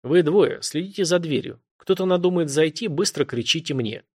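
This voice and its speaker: A man voicing a harried police officer working the phones, brisk and firm, trying to reassure callers. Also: on the high side, lively intonation, a little mellow, breathy edge, pitched above the performer's own voice. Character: harried male police dispatcher, calm but pressed.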